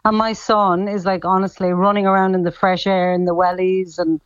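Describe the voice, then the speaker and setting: A woman's voice: on the low side, flat delivery, normal speed, no echo, muffled recording. A woman with a Cork Irish accent chatting casually as a radio caller, effusive and often repeating herself for emphasis. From Cork, Ireland. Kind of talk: casual chat, telling a personal story.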